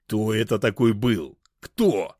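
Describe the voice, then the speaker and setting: A man's voice: medium pitch, very animated, normal speed, a little mellow, dry recording, clean studio sound. A man voicing a jealous young man who accuses his girlfriend sarcastically. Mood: angry demanding.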